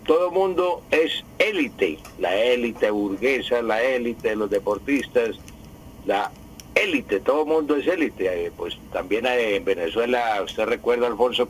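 A man's voice: fairly low pitch, slight background noise, low-quality recording. A man, a language expert on a radio show, explaining patiently, repeating key words and correcting himself.

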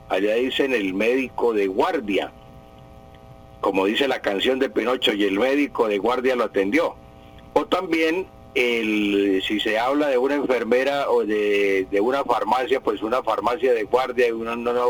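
Husky language expert, radio guest, unhurried anecdotal explainer. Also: male voice, medium pitch, poor audio. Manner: explanatory, anecdotal, hesitant fillers.

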